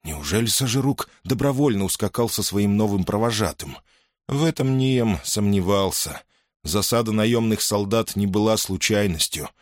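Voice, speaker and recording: Male audiobook narrator, deep-set voice, dry booth sound. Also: lively intonation, moderate pace, dry recording. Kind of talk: scripted narration.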